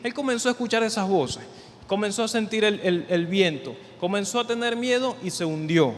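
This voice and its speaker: A man's voice: high-pitched, moderate pace. A man preaching a conversational sermon, often repeating words as he builds his points. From Venezuela. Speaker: church leader preaching. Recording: reverberant hall with faint noise.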